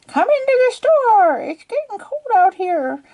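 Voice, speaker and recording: A woman voicing an impatient, nagging mom in a high, squeaky put-on voice. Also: very animated, a little slow, dark tone, heavily acted.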